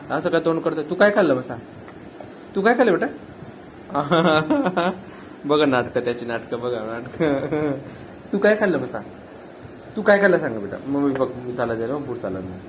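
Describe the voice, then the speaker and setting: A man in a casual home video, coaxing a toddler in a playful sing-song voice that climbs high on his questions and breaks into laughter. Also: slight background noise, low-quality recording. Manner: laughs warmly between prompts. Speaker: family vlogger filming a toddler.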